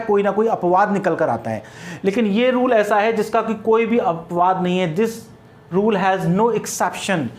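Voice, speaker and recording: A male teacher giving a classroom grammar lecture, spelling words out letter by letter and drilling students with repeated rhetorical questions. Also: sits high.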